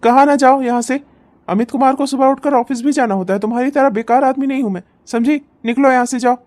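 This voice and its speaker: A woman's voice: on the high side, a little fast, warm tone, slight background noise, natural voice. A woman voicing a young husband in a cartoon, firm and reasoning in the way he talks. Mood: stern. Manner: stern, then reasoning. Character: young husband, bossy at first, then calm.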